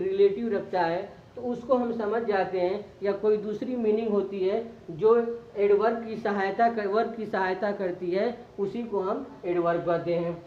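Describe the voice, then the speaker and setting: A woman teacher with a Hindi accent giving a grammar lesson, explaining slowly with many restarts and repetitions. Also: mid-range voice. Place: classroom. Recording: echoey, dull room recording.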